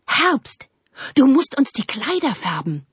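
A woman voicing a chorus of eager, complaining talking trees in a storybook, with a high, pleading, childlike tone. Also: lively intonation, moderate pace, darkish tone, breathy edge, no echo.

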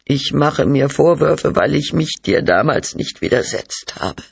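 A frail, distraught mother speaks in a raised, strained pitch, as a male reader puts her on. She is bitter and accusing, with breathless outbursts and a husky edge. The recording is dry and close. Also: expressive, unhurried, no echo, full character voice. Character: frail distraught mother, middle-aged woman.

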